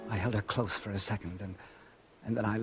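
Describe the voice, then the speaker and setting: In a 1940s radio drama with music, an actor plays a bitter, vengeful man narrating his own story. His voice is steady, brisk and close to everyday speech, and the first-person narration is brooding, low and confiding.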